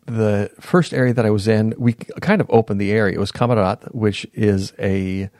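A man in his fifties, a podcast guest, reflectively recounting his past in a casual interview, pausing and restarting sentences. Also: on the low side, darkish tone, dry recording, clean studio sound. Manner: reflective, unhurried, often pauses and restarts mid-sentence.

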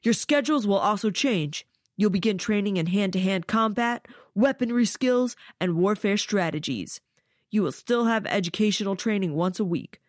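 A woman's voice: mid-range voice, moderate pace, dry recording, studio quality, voice pushed up, close to an everyday voice. A woman voicing a stern male drill sergeant giving formal, commanding orders to recruits in an audiobook.

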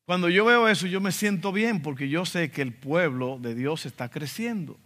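A man from the Dominican Republic preaches a sermon as a pastor, speaking with a Dominican accent in a fairly high, animated, slightly bright voice at normal speed. He is emphatic and acts out quotes in asides. The church sanctuary gives the recording a reverberant hall sound.

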